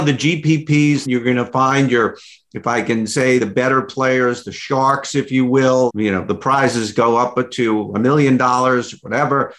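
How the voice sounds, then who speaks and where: Male fantasy golf analyst, mid-pitched. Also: a bit bright. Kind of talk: conversational sports analysis.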